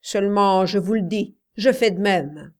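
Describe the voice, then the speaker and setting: A woman voicing a stubborn coal miner who speaks slowly, harshly and heavily. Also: mid-range voice, a little mellow, close to an everyday voice. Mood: grim. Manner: slow, harsh, heavy.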